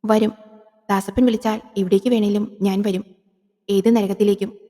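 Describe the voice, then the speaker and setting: A woman voicing a vengeful, seductive female yakshi spirit in a horror audio drama, coaxing slowly and intimately. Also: mid-range voice, level tone, warm tone, long reverb tail, close to an everyday voice. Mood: luring.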